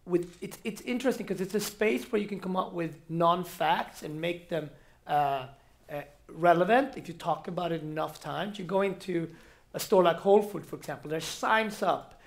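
Man, from Ethiopia, panelist, gravelly, animated, auditorium stage, headset mic. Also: high-pitched, moderate pace. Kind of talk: panel discussion.

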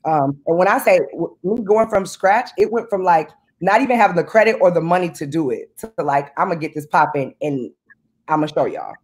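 A woman in her thirties on a video call from home, talking in an animated, emphatic way about money and business. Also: fairly low pitch, fairly quick, husky. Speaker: guest, business owner. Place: home room indoors. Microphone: video call webcam.

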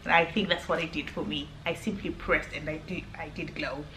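A beauty vlogger in her thirties, not a native English speaker, earnestly chats to camera in a casual skincare review, often restarting. Her voice is low, brisk, pushed and bright, with fairly even intonation. She films in a hotel room with the camera at arm's length, and the echoey room carries a faint background hum.

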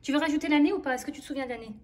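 A woman's voice: high-pitched, rapid-fire, a little hiss or hum. A woman in her thirties filming a vlog at home, chatting and explaining as she teaches her children. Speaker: home-schooling mother. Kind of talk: casual vlog narration and teaching.

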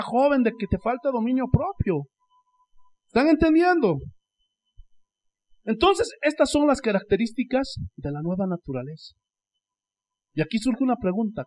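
Lively high-voiced Bolivian pastor preaching. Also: male voice. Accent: Bolivian Spanish. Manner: preaching with dramatic swings between loud exclamations and hushed asides; repeats "Gloria a Dios" as a refrain. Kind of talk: sermon.

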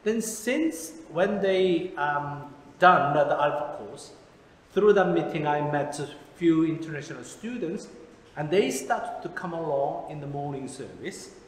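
A man in his forties, originally from South Korea, a pastor speaking in halting second-language English with many fillers, interviewed in a church hall. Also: a little high, expressive. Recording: echoey hall with background music.

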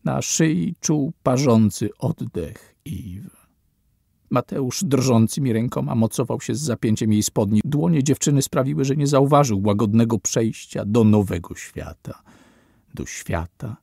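A man narrating an audiobook in a slow, measured reading. His voice is low, dark and gravelly, with a husky edge. The sound is close and dry. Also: no echo. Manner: slow, measured reading with falling, quiet endings. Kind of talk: scripted narration.

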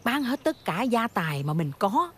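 An actress with a Southern Vietnamese accent playing a kindly, chatty middle-aged village aunt who tells stories animatedly. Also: female voice, on the high side, very animated, normal speed, noisy background. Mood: somber storytelling.

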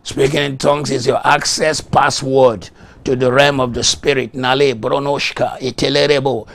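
In a TV studio, a middle-aged male pastor who is a native Yoruba speaker preaches a fervent televised morning sermon, breaking into rhythmic bursts of rapid tongues. His medium-pitched voice is level, gravelly and fairly bright, captured on a lapel mic.

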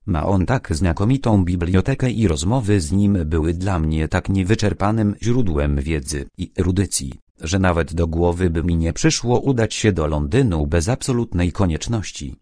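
A man's voice: low voice, normal speed, few pauses, mellow, no room sound, studio quality, natural voice. A man reading a fussy, erudite old professor. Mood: formal. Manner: formal, erudite, slightly fussy. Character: polite elderly American male professor, anxious father. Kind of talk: audiobook character reading.

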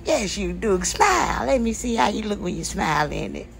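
A woman's voice: medium pitch, sing-song, moderate pace, creaky, slight background noise. A woman playing a fussy old churchgoing grandmother who scolds, cries and calls on the Lord. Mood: doting.

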